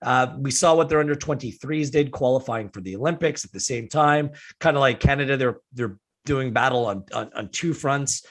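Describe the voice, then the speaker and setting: A man hosting a casual sports podcast, talking with enthusiasm. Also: mid-range voice. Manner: enthusiastic, excitable. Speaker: podcast host.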